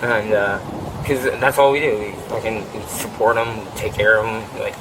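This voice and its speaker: A man questioned outdoors by a deputy, retelling a fight in a rambling, profane way and often clearing his throat, picked up by a body camera. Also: on the low side, normal speed. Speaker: witness interviewed by deputy. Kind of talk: bodycam interview, agitated retelling. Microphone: officer's body camera. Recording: noisy outdoor bodycam audio.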